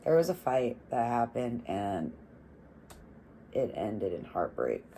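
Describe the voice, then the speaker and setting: Low-voiced, slow-talking woman reading tarot. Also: slight background noise. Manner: swears freely, laughs often, animated and rambling. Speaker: tarot reader.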